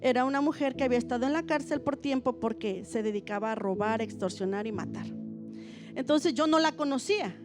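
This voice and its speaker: A middle-aged woman pastor, preaching a sermon in a high voice. She tells her story vividly and then builds into fervent exhortation, with soft music faintly underneath. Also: fairly quick. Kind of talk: sermon with a personal testimony.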